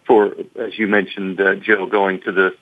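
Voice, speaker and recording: A man, a company guest answering an interviewer, speaking haltingly with many repeats and fillers. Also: deep voice, level tone, no room sound. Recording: tinny phone-like line.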